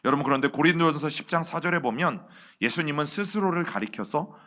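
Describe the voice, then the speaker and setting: A man's voice: a little high, animated, fast talker, pushed and bright. A man preaching as senior pastor at a Wednesday evening church service, calling out to the congregation and asking them questions he then answers. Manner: addresses the congregation as "여러분" again and again, asks questions and answers them. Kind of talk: sermon.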